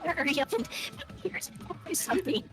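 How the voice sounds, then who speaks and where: A woman's voice: high-pitched, a little slow. A woman voicing a nervous, snappish young female writer in a casual fan dub. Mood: anxious.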